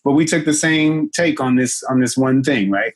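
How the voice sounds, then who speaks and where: A man's voice: mid-range voice, normal speed. A man who is a comedian guest, chatting casually on a podcast with many fillers and restarts.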